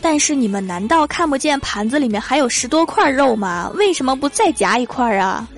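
A young woman hosting a comedy show, telling comic stories in a lively, teasing way. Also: high-pitched, a little fast, over music. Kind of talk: scripted comic monologue.

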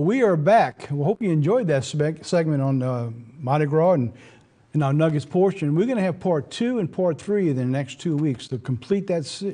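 Male religious program host, soft dark timbre, slightly high pitch, informal emphatic preaching. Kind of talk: informal presenting and preaching to viewers.

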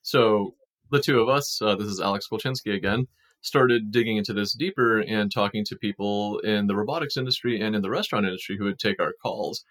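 A young man, a startup founder from Ukraine raised in the US, calmly telling his story in an interview. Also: on the low side, fairly quick. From Ukraine, raised in Kansas and Massachusetts. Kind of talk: casual interview answers.

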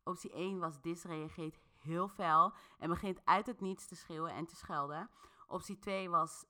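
A woman hosting a podcast, narrating an interactive story in a relaxed, chatty way while talking straight to her listeners. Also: on the low side.

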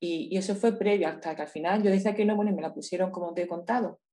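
A woman's voice: on the low side, very fast, mellow. A woman with a Spain Spanish accent, a guest in a conversation, telling her personal story with intensity and emotion. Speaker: interview guest.

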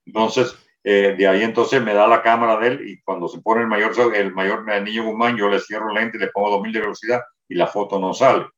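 Older guy talking fast, lowish voice, sounds far off in an echoey room, kinda dull audio. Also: steady tone, fairly bright tone. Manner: detailed storytelling with restarts. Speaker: interviewee recounting a wartime memory. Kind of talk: first-person testimony. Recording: roomy, distant, dull sound.

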